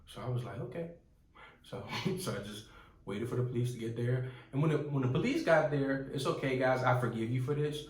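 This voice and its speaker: Recorded from a distance in a roomy space, a man in his twenties delivers a heartfelt, meandering personal testimony, frequently starting over. He speaks a little fast with a medium-pitched voice.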